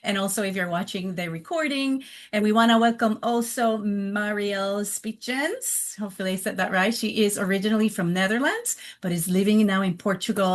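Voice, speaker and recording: A woman co-hosting a podcast, who opens with friendly greetings and introduces the guest. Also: mid-range voice. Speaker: podcast co-host.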